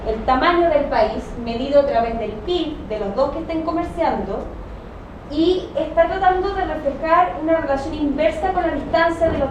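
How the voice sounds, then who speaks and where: A woman lecturer teaching a class in a didactic way, often checking that students follow with short tag questions. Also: high-pitched. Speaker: economics lecturer. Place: classroom, recorded from a distance. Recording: echoey room, distant mic, noisy background.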